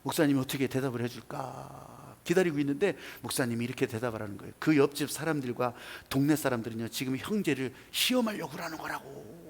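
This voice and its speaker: A male pastor preaching a sermon in a church, telling a story with animated, emphatic asides. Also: on the high side, vocal fry, breathy edge. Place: church sanctuary. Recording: reverberant church hall.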